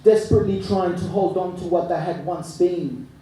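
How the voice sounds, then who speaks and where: A man, performing spoken word poetry live with a rhythmic, rhyming delivery that swings between hushed and forceful. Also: sits high, moderate pace. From Chile. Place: live arts venue. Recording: echoey room, mic from far off.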